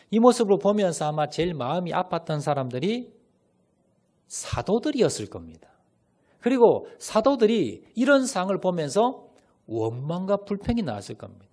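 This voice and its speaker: A middle-aged male pastor delivers a sermon in a fairly high, very animated voice. He poses rhetorical questions to the congregation, pressing some phrases loudly and letting others fall soft and low. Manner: rhetorical questions, swings between loud emphasis and soft drops.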